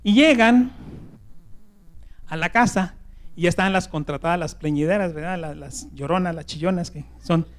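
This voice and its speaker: A man preaching a sermon as pastor. He jumps from loud emphasis to hushed whispers, repeats words and keeps asking "¿verdad?". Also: fairly high pitch, normal speed.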